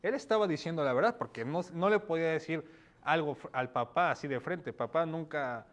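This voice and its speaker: A man's voice: on the high side, brisk, a bit bright. A man preaching a sermon, asking rhetorical questions and checking in with his listeners.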